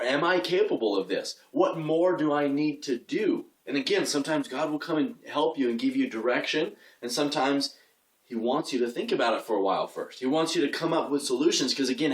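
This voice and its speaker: Young man, earnest casual faith talk, repeats himself, roomy echo, mic set back. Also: mid-range voice. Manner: earnest, repeats words, restarts sentences. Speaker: video host giving faith advice. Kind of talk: casual inspirational talk to camera. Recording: roomy sound from a distance.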